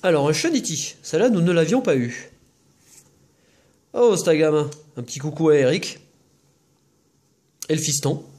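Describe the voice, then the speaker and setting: Brief: husky male host, casual card-opening commentary, chatty with quick asides. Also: a little high, lively intonation, darkish tone.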